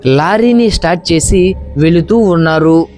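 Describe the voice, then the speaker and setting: A man narrating a horror story in the first person, in a steady storytelling voice. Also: a little high, a little slow, soft background music.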